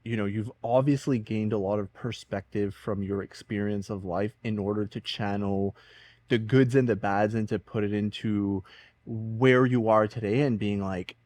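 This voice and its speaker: A man's voice: fairly low pitch, fairly even intonation, normal speed, darkish tone, no room sound. A man hosting a podcast interview, chatting casually with many fillers and rambling questions. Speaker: podcast host.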